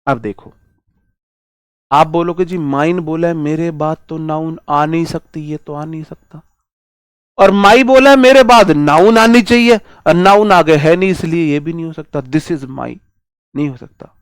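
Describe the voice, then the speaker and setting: Slow, dry-voiced male grammar teacher. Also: on the high side, fairly even intonation, smooth, no room sound. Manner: drawn-out slow examples, rhetorical questions to students. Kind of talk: classroom lecture in Hindi on exam English.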